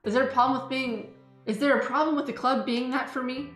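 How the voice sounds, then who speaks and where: A woman performs a blunt, defensive teenage schoolgirl in an amateur visual novel reading, emphatic, petulant, indignant and hurt. Her high-pitched, a-bit-bright voice runs a little fast with fairly even intonation, recorded with a roomy sound and music behind.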